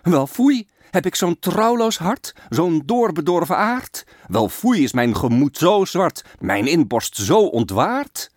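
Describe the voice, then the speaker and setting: A man voicing an outraged shouting fairground mob. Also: on the high side, sing-song, slow pace, hardly any pauses, no echo, studio quality, pitched above the performer's own voice, exaggerated voice.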